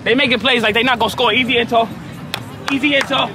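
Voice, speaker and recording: A young man joking and boasting with loud, cocky excuses while playing football on an outdoor city beach, picked up by a camera on the field. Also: very high-pitched, fairly even intonation, fast talker, over music. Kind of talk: casual trash talk. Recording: outdoor crowd and wind noise.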